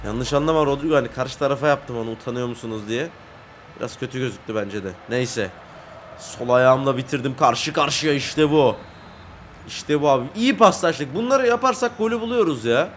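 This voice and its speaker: A man giving excitable live commentary on his own football video game, shouting at teammates and taunting in a singsong voice. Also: mid-range voice, a little fast, a little hiss or hum. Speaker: gaming YouTuber.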